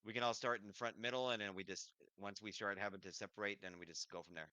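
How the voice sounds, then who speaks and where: A man's voice: on the low side, steady tone, fast, bright, forceful tone, dry recording. A man leading a game raid on a live stream, explaining the plan step by step with fillers. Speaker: raid leader.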